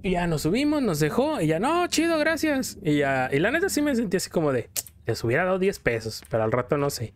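His pitch is high and swoops wildly as this Mexican streamer talks a little fast, joking around in slang and narrating his gameplay with stories. Video game music runs underneath, with a little hiss or hum.

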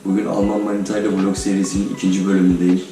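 Low, flat, slightly robotic-sounding man vlogging. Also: very fast. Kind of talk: casual vlog chat to viewers. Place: indoors in a holiday flat, at table and kitchen. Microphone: camera on a tripod, some distance away. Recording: roomy echo, distant mic, music underneath. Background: music.

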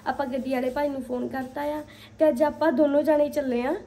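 A woman's voice: sits high, fairly even intonation, fast, background noise. A woman chats casually to viewers in a phone vlog. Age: 20s. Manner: chatty, addresses viewers as "guys". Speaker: vlogger. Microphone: phone at arm's length. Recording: loud music over phone vlog audio.

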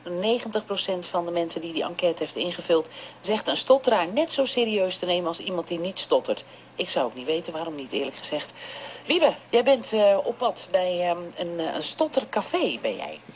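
A woman presenting on morning radio, reading an item in a steady tone and then chatting loosely to hand over. Her voice sits on the lower side, with faint background noise. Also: moderate pace. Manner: scripted news-style read, then casual handover.

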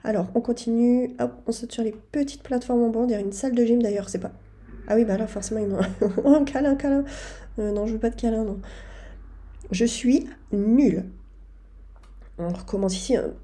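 A woman's voice: on the high side, steady tone, brisk, warm tone. A woman giving chatty, self-mocking commentary over her own gameplay and talking straight to her viewers. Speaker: gaming video creator.

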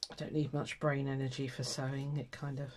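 With a flat delivery and a darkish bass voice, a little on the fast side, this older craft host from England chats with viewers despite a cold and blocked nose. She packs sewing kits at a table indoors, seen only as hands from an overhead camera, talking in a chatty, self-deprecating way as she works.

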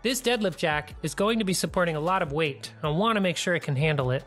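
Calm, practical DIY tutorial narrator. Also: medium pitch, fast, soft background music. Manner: plain, practical step-by-step explaining. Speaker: DIY channel host. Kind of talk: scripted tutorial voice-over.

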